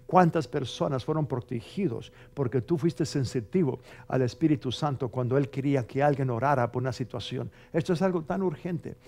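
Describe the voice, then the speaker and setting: A man preaching a television sermon as a pastor, emphatic and conversational, often checking in with his listeners and acting out prayer styles. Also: fairly high pitch. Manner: emphatic, conversational, with frequent rhetorical tags; mimics dramatic prayer voices loudly for effect.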